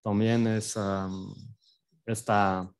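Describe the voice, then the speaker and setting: A man's voice: lowish voice, flat delivery, very slow, clean tone. A French man with a French accent teaching a language lesson in a playful, self-deprecating way, explaining with examples.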